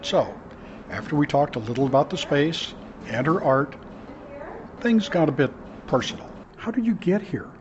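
A male reporter with a slightly high voice asks questions in an easygoing, chatty way. The recording is dull and lo-fi, and a steady noise runs clearly behind him. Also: normal speed, long pauses. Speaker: interviewer, reporter. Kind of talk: casual interview and narration. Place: large old building studio.

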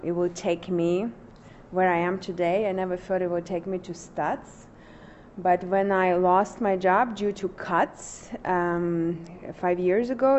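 A middle-aged woman from Lithuania with a Russian accent, talking in a casual interview in a halting way, with many fillers. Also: mid-range voice, darkish tone. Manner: hesitant, halting phrasing with fillers. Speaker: painter, interview guest. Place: large old building studio. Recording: dull lo-fi sound with faint noise.

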